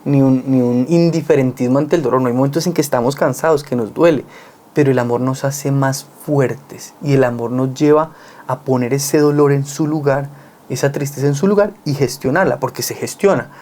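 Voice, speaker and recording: This time his voice is medium-pitched and his speed normal, with slight noise in the background. The earnest Colombian man keeps the conversation relaxed, thoughtful, and warm, working through points with ordinary examples.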